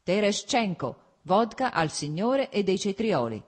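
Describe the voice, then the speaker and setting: A woman voicing a hearty officer who speaks in a loud, commanding bass and enjoys his own voice. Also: expressive, moderate pace, lightly acted. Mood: shouting.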